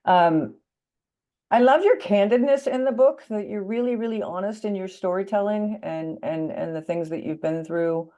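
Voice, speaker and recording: A woman's voice: mid-range voice, moderate pace, mellow, dull audio. A woman hosting an interview who sounds a little tired, chatty and scattered, with many fillers. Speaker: interviewer host. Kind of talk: casual interview talk.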